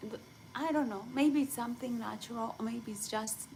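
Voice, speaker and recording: A young woman from Kenya chatting casually with viewers on a livestream, rambling excitedly with many fillers. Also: a little high, normal speed, a little hiss or hum, rough recording. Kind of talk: casual live chat.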